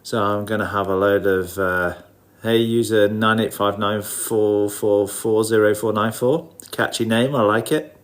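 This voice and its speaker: A congested man with a head cold speaks a little slowly in a fairly low, steady, nasal voice. As a livestream host he chats casually, says hello to viewers while checking his fish tank, and mutters to himself.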